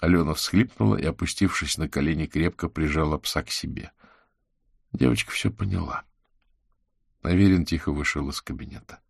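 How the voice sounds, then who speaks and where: A man's voice: a bass voice, moderate pace, gravelly, slightly rough, dry recording, clean studio sound. A man narrating a story aloud in a reading style, doing all the characters' voices himself. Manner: reads every character himself, shifting voice for each. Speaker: audiobook narrator. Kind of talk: scripted narration.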